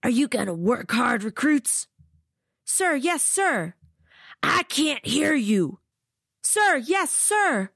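A woman's voice: a little high, animated, unhurried, vocal fry, hardly any pauses, a bit bright, breathy edge, no room sound, clean studio sound, pitched above the performer's own voice, heavily acted. A woman voicing a harsh male military officer who taunts and pushes recruits in an audiobook. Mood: taunting. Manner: taunting, domineering.

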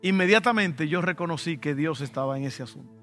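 A slightly high, bright-ish male voice comes a little fast over soft background music. He's a Dominican pastor with a Dominican Spanish accent, preaching informally through personal stories and sudden emphatic flourishes.

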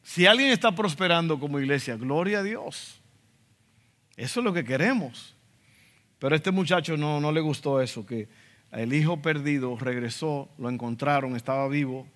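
Preaching as a pastor in a church sanctuary, this Dominican man has a slightly high, somewhat bright voice and a moderate pace. His delivery is emphatic, with quotes acted out in asides, and his Dominican accent is clear. The audio echoes as in a reverberant church hall.

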